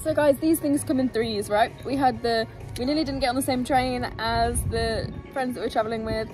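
Here a young travel vlogger narrates casually to camera outdoors, moving through a town and onto a rooftop terrace, holding the camera at arm's length and keeping things upbeat. Her fairly high voice has a darkish tone, steady and at normal speed. The recording is rough, with music underneath.

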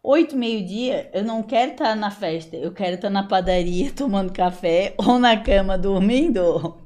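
A woman's voice: medium pitch, animated, moderate pace, darkish tone. A young woman chatting frankly and rambling on a podcast, with lots of fillers. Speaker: guest. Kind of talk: casual podcast chat.

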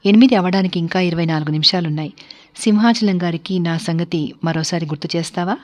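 A woman's voice: on the low side, fast talker, close to an everyday voice. A woman voicing a travel-weary, uneasy man visiting a stranger's house, asking polite, cautious questions. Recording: dull lo-fi recording.

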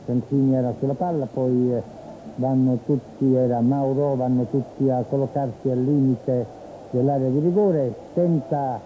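A man from Italy giving live football play-by-play commentary on television, in a measured, descriptive way with pauses. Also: medium pitch, fairly even intonation. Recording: tinny phone-like old TV broadcast, noisy stadium. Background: stadium ambience.

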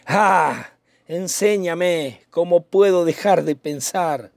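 A brooding, lovesick young nobleman speaks in poetic, declaiming lines, as a man reads the part aloud. The voice sits a little high for a man, close and dry with no room around it. The delivery is theatrical, as in a dramatic reading of a play. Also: slow, gravelly, a little mellow, no echo.

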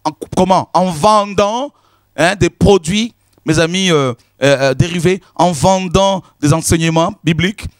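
Prédicateur à la voix aiguë, martelant. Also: male voice, high voice, a little slow, no echo, studio quality. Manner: emphatic, repetitive, addresses listeners as "mes amis". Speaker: preacher. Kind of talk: sermon.

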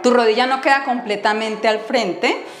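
High-voiced woman teaching a dance. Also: moderate pace. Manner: counts beats aloud, gentle instructive tone with diminutives. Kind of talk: live-streamed dance lesson with counting. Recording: roomy sound with faint music behind.

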